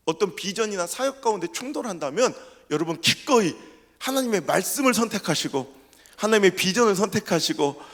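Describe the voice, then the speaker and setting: A South Korean pastor with a Chungcheong accent preaches a revival sermon, sharing his testimony with humor and imitating dialects. His voice sits high and a bit bright, echoing through a reverberant church sanctuary.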